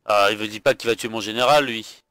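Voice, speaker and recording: A man's voice: on the low side, fairly even intonation, brisk, pushed and bright, dry recording, studio quality. A tired man narrating his own strategy game playthrough, thinking aloud with frequent hesitations. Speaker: gaming video host. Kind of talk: let's play commentary.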